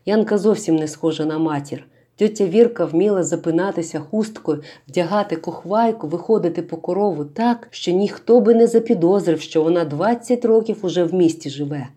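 A woman calmly reading a literary story aloud as narrator. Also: fairly low pitch, a little fast.

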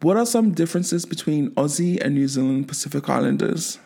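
A man's voice: a little high, expressive, brisk, gravelly, dark tone. A man co-hosting a podcast in casual chat, playful and leading with the questions. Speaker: podcast co-host.

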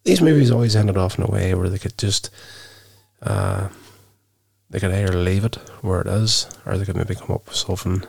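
A man hosts a casual solo movie podcast, rambling through a film review as he hesitantly thinks aloud. His low voice is wheezy, gravelly and chesty, sounding sick and freshly woken, with big pitch swings, a moderate pace and a slightly mellow tone. The recording is clean studio sound with no echo.

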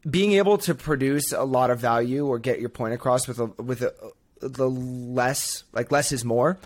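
A man's voice: medium pitch, normal speed. Thoughtful hedging male podcaster. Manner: thoughtful, hedging, self-deprecating humor. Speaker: podcast co-host. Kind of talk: casual podcast chat.

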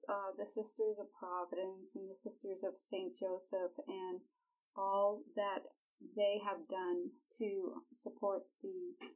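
A woman's voice: medium pitch, phone-quality sound. A woman hosting an interview, asking curious, chatty questions. Her voice sits in a middle range, with fillers as she thinks aloud. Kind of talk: conversational interview.

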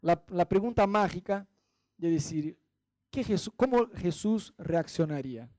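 A Brazilian man preaches a sermon in a chatty, direct style, telling little anecdotes with acted-out quotes and speaking straight to his listeners. His voice is high-pitched, expressive and darkish in tone, a little slow, in a dry recording.

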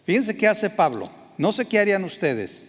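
Man, pastor, sermon, quizzes the congregation, high-pitched, long hall reverb. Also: very animated, moderate pace, fairly bright tone. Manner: asks the congregation questions, acts out quotes.

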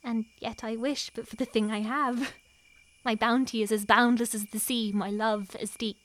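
A woman performing a lovestruck, wary young noblewoman in a Shakespearean scene, her delivery moving between hushed and impassioned. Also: a little high, flat delivery, normal speed, a little hiss or hum, natural voice. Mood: longing. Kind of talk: Shakespearean stage acting.

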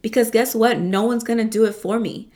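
A woman's voice: a little high, fairly even intonation, a little fast, mellow. A woman hosting a casual motivational talk, rambling with lots of fillers and frequent swearing, often calling her listeners "you guys".

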